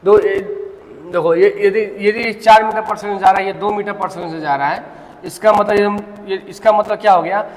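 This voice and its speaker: A man's voice: high voice, steady tone, moderate pace. A man teaching a physics class, mixing in terms and asking his students questions as he works through a problem step by step. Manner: explains step by step, often asks the class questions. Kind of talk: classroom lecture. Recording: reverberant classroom, faint background noise.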